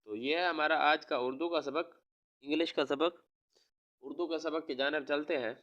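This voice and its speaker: A man from Pakistan, a teacher giving a recorded lesson to young children, slowly spelling out words and repeating them. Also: a little high, fairly even intonation, a bit bright, muffled recording. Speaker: online school teacher.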